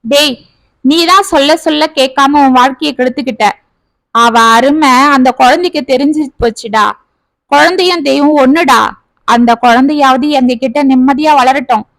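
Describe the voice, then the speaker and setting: A woman's voice: high voice, moderate pace, dry recording. A woman voicing an aging village mother in a family story, loving but fierce and given to scolding. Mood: pleading. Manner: scolding, shouting at times.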